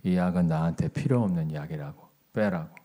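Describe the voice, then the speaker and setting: A stubborn old hospital patient in his seventies snaps and grumbles in gruff, quick-tempered bursts, played by a male preacher. The voice sits very low. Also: animated, dark tone. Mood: grumbling.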